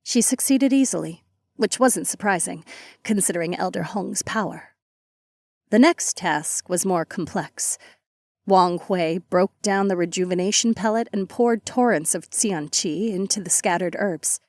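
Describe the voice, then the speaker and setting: A woman giving scripted, measured narration of a fantasy audiobook. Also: fairly low pitch, darkish tone, no room sound, clean studio sound.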